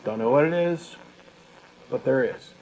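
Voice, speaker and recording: In an unhurried, slightly mellow mid-range voice, a male talk show co-host reasons aloud through his views, speaking emphatically and conversationally. The rough recording has clear background noise and room ambience.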